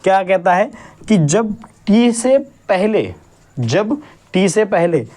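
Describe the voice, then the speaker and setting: A male English teacher giving a classroom lesson, asking questions and repeating each point slowly. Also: high voice, lively intonation, a little mellow. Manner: drills word sounds syllable by syllable.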